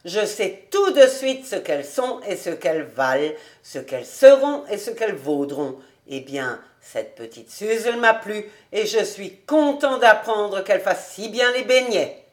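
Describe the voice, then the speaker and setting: A woman's voice: mid-range voice, animated, unhurried, close to an everyday voice. A woman voicing a kindly old male rabbi who talks earnestly and pleads fondly, in an audiobook reading.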